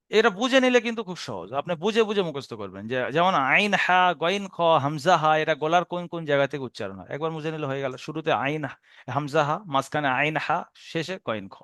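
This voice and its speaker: A man teaching where Arabic letters are pronounced, patiently repeating and demonstrating each sound slowly, with a Bengali accent. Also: fairly high pitch, a bit bright, no echo, clean studio sound. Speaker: Quran recitation teacher. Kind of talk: explaining Arabic letter pronunciation.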